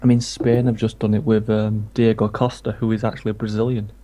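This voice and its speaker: A man's voice: fairly low pitch, little pitch movement, a little fast, warm tone. A man from England chatting casually about football while streaming a game, rambling from point to point. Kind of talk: casual chat while gaming.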